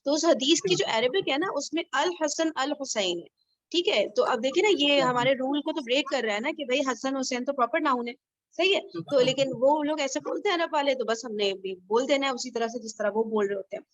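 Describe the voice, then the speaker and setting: A woman's voice: high-pitched, dry recording. A woman from Pakistan leading an online Arabic grammar study group, explaining patiently and often checking that everyone understands.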